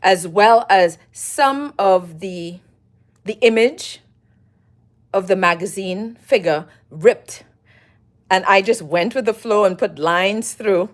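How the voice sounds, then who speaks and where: A woman's voice: mid-range voice, slow pace. Lady doing a chatty craft livestream, greeting viewers, talking through her collages. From Trinidad. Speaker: collage artist hosting a livestream. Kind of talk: casual livestream talk while crafting.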